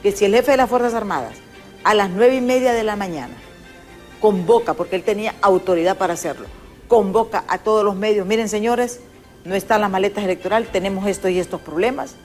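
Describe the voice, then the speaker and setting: A woman's voice: mid-range voice, quick pace, darkish tone. An older woman with a Honduran Spanish accent hosts a political interview program. She talks in an emphatic, opinionated way and turns to address the viewers directly, and faint music plays under her voice. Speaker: host. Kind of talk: political talk show interview.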